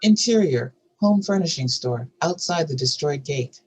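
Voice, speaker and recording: At a screenplay table read, the narrator delivers scene headings and action lines in an animated, husky, medium-pitched voice at a moderate pace, reading the stage directions aloud.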